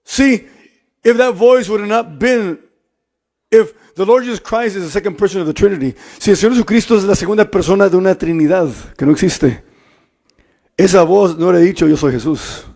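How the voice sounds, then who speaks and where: A man preaching a bilingual sermon as pastor, repeating phrases and rising to emphatic shouts. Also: high voice, normal speed.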